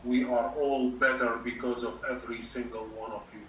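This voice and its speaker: Halting male doctor on a muffled call. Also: medium pitch, little pitch movement, fairly bright tone. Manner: halting, full of uh's, formal and sincere. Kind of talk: thanking a guest on a video call. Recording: muffled, distant, echoey room with faint hum.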